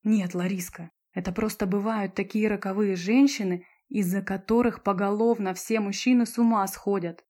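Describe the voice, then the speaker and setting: A woman's voice: mid-range voice, steady tone, moderate pace, hardly any pauses, dark tone, lightly acted. Chirpy teenage girlfriend, read by a woman. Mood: chatty.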